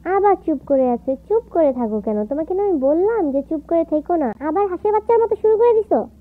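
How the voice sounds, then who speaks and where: A woman reads the part of a forgetful young husband who has turned childlike, keeping up an innocent string of questions in a storybook tale. The voice sits high, and the recording is a bit dull and lo-fi. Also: lively intonation, fairly quick. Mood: pestering. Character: childlike amnesiac young husband, endlessly asking why. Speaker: story reader voicing a character. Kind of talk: storybook reading with voiced characters.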